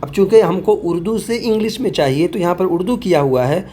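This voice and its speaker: A man's voice: high-pitched, animated, brisk, mellow, a little hiss or hum. A man working as an online tutor, patiently explaining a phone app step by step in a tutorial voice-over and repeating words as he goes.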